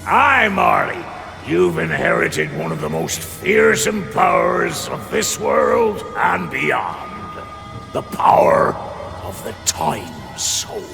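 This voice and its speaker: Game role: brooding male pirate captain, solemn and haunted, very gravelly, drawn-out lines, cavernous reverb. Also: on the high side, wildly swooping pitch, raised voice, heavily acted. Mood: grave, proclaiming. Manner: slow, dramatic, weighty. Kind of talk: video game dramatic acting. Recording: long reverb with music behind.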